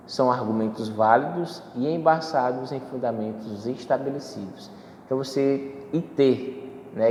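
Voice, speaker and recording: A man lectures on public speaking in a darkish mid-range voice, breaking it down step by step while frequently using fillers and revising what he says. Slight background noise and faint ambience fill the echoey hall.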